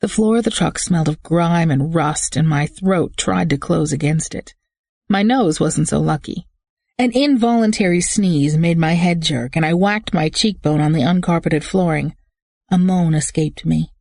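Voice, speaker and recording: An audiobook narrator reading a first-person thriller with steady, tense storytelling. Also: medium pitch, moderate pace, no echo, studio quality.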